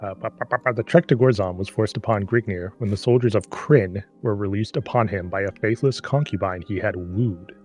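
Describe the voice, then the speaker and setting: A man's voice: on the low side, a little mellow, soft background music. A man co-hosting a live stream, reading a book aloud with sarcastic, swearing commentary. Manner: sarcastic, swears, stumbles and reads haltingly. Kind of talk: comic read-aloud with running commentary.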